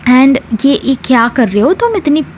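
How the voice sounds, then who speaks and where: A woman's voice: high voice, very animated, a little slow, darkish tone, a little hiss or hum. A woman voicing a stubborn, touchy young woman student who talks back in an irritated, defiant way. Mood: annoyed.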